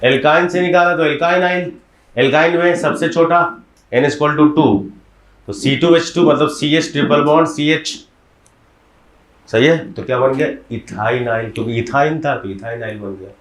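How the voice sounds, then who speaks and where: A male chemistry teacher giving a classroom lecture, explaining step by step and often putting quick questions to his students. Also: fairly high pitch, echoey room.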